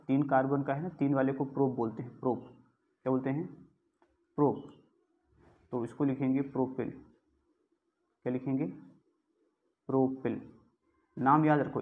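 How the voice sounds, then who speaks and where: Hindi chemistry teacher on tinny audio. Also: male voice, mid-range voice. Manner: explains step by step, asks and answers his own questions. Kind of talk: classroom lecture. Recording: tinny phone-like sound.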